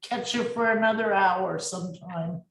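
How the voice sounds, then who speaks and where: A woman's voice: mid-range voice, moderate pace, fairly bright tone. Woman hosting a webinar in an echoey room. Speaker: association host.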